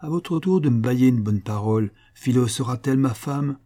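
A man voicing a sly, cheerful young male boatman who talks boldly and lively in a storybook reading. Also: mid-range voice, a little fast, close to an everyday voice.

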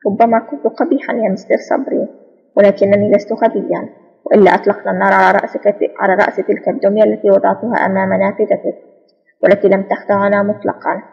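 A woman reading the lines of a scheming male spy chief villain in an audiobook, calm and mocking. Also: medium pitch, fast, creaky, breathy edge, in a large hall, highs cut off. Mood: gloating.

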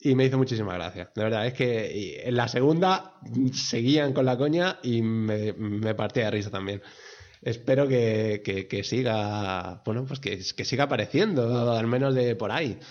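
A man in a casual voice message, animated, laughing often and swearing freely. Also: medium pitch, normal speed. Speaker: listener sending an audio message. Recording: dull lo-fi audio.

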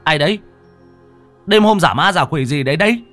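A man voicing a blunt, hot-tempered young village man, scolding gruffly. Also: a little high, animated, moderate pace, a bit bright, faint music behind, voice pushed up.

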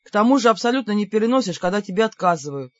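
An audiobook reader voicing a calm young man, the dry, mocking and stern older brother. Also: medium pitch, racing, no echo, dull audio, natural voice. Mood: wry, stern.

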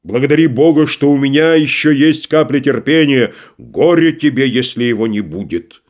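A man's voice: mid-range voice, moderate pace, natural voice. A man voicing a pompous, grandiloquent tragic actor, declaiming theatrically in an audiobook play reading. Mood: indignant declaiming.

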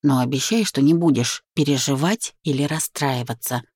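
A woman reading an audiobook, voicing a caring young husband who speaks softly and protectively. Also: extremely low pitch, moderate pace, slightly rough, no echo, clean studio sound. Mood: gentle.

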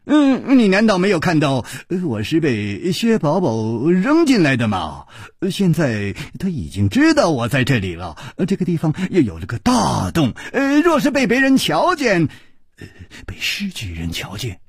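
男人演的结结巴巴的年轻剑客. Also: male voice, on the high side, wildly swooping pitch, moderate pace, husky, no echo, clean studio sound, exaggerated voice. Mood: nervous. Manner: stammering, nervous, awkward laughing. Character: charming young male swordsman, flustered. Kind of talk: storytelling character voice.

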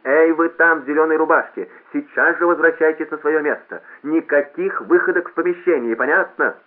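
A man voicing a brash male announcer booming over a loudspeaker, bossy and mocking, on a lo-fi line. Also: normal speed, natural voice. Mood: scolding. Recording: lo-fi phone-like audio.

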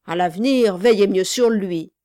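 A woman reading as a stern gentleman magistrate. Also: medium pitch, moderate pace, no room sound, clean studio sound, lightly acted. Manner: stern, curt, lecturing. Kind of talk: audiobook character reading.

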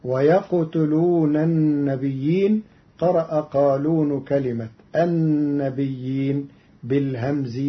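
A man giving a formal scholarly explanation of Quran readings in a measured, deliberate way, on a dull lo-fi recording. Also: medium pitch. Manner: measured and deliberate, chanting quoted verses.

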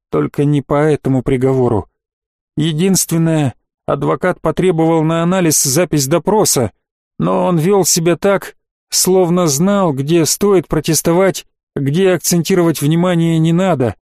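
Distraught lawyer guy, middle-aged, flips from flat to shouting, a man reading him, dry close sound. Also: on the high side, vocal fry, dry recording. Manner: agitated, breaking into shouts.

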